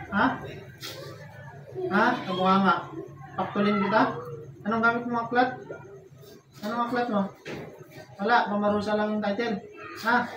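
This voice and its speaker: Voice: medium pitch, highs cut off. A faith healer in a deliverance session, sternly interrogating a spirit and prodding with short, taunting questions. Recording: echoey, distant, noisy room sound.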